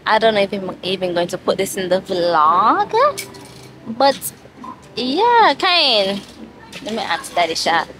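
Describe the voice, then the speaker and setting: A woman's voice: medium pitch, lively intonation, a little slow, long pauses, a bit bright, poor audio. A woman, tipsy from a drink, rambling and confiding to her phone camera in a casual vlog. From Saint Kitts and Nevis. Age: late 20s. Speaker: vlogger.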